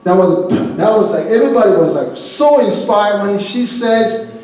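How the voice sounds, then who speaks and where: A middle-aged man delivers a sermon with a fairly high voice, telling stories with animation and laughing often. He restarts and repeats his words as he goes. The recording is echoey, like a large hall picked up from a distant mic. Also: animated, moderate pace, a little mellow. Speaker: pastor.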